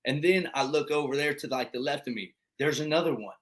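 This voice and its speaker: A high school football coach co-hosting a podcast, telling stories in casual, slangy chat and acting out other people's lines. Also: male voice, a little fast. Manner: animated storyteller who acts out quoted voices.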